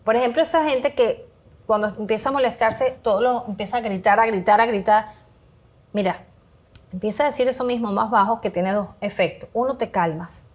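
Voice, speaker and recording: A woman with a slightly high voice explains how to manage emotions on a talk show. She walks through practical tips with examples and sometimes voices little snippets of what people say to themselves. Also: fairly quick. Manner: explains with examples, acts out quoted self-talk. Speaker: guest speaker on emotional health.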